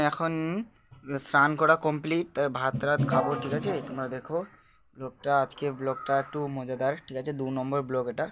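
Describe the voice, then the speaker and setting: A young man, slightly hoarse, chatting casually to viewers in a daily vlog and often asking if they are following. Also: fairly high pitch, bright, forceful tone, slight background noise. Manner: chatty, keeps asking "ঠিক আছে?". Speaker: vlogger. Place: outdoors in a village, fields and lanes. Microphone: handheld phone.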